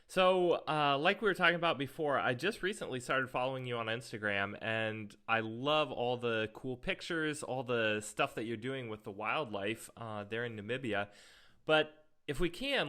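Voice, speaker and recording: A man's voice: medium pitch, expressive, moderate pace, bright, forceful tone. A man hosting a podcast, chatting with enthusiasm and plenty of fillers. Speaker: podcast host. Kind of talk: casual podcast chat.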